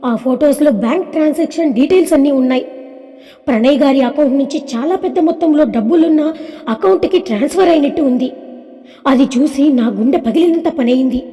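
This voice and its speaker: A woman storyteller voicing a heartbroken young woman who speaks softly and haltingly. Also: high-pitched, big-room sound, soft background music, lightly acted. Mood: grieving.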